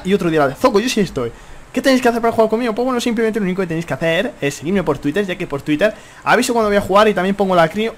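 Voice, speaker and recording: Excitable high-voiced Spanish gamer. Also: male voice, a little hiss or hum. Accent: Spain. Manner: excitable, exclaims and repeats himself often. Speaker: gaming YouTuber. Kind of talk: live gameplay commentary. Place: at home.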